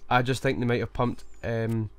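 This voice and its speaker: A man's voice: medium pitch, flat delivery, normal speed, smooth. A man co-hosting a casual games chat, giving opinions and thinking aloud with frequent restarts. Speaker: co-host.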